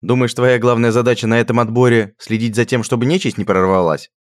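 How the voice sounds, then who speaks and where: A man doing a loud, teasing young comrade. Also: medium pitch, fairly even intonation, fast talker, no echo, studio quality, pitched above the performer's own voice, natural voice. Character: mocking, jokey young male friend.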